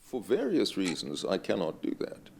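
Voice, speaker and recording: An older man, joking about himself in a dry way. His voice is low and gravelly and swings widely in pitch, with faint hiss behind. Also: normal speed. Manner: dry, self-deprecating, animated storyteller. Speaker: interviewee, retired invigilator.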